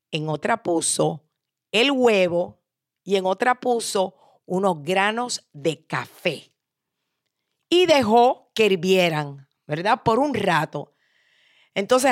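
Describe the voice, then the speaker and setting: Slow, expressive woman storyteller. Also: medium pitch. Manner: expressive, asks the listener directly. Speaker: podcast host. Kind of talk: motivational storytelling.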